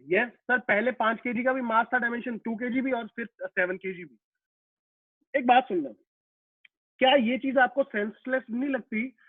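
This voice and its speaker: A male physics teacher with a very high voice gives a live online lecture, posing questions and answering them himself, calling students "beta," and using everyday examples. The sound is tinny, dry, and phone-like, with no echo.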